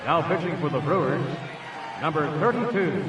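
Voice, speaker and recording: A man announcing players over a stadium's loudspeakers, stretching out each name slowly. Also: expressive. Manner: stretches out names with rising pitch. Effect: through loudspeakers in a ballpark. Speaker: stadium public address announcer. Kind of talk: slow, drawn-out player introductions. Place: outdoor baseball stadium. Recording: echoey, far-off stadium PA with loud crowd. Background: crowd and ballpark noise.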